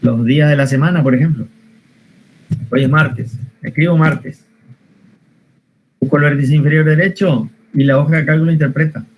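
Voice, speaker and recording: A man's voice: fairly high pitch, steady tone, normal speed, pauses often, rough recording. A man teaching an online spreadsheet class, patient, repeating each step and asking the class questions. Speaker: computer science teacher.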